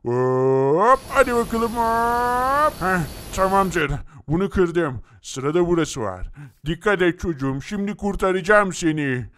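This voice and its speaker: A man's voice: high voice, animated, a little slow, few pauses, a bit bright. A man voicing a cheerful superhero who narrates his own rescue moves in a boastful way. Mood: heroic.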